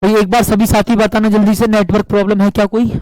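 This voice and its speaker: A man's voice: sits high, little pitch movement, a little mellow, no room sound, faint music behind, rough recording. Man teaching with a sore throat. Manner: slow, repetitive question-and-answer drilling; asks viewers to comment answers. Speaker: physics teacher. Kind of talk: live online class.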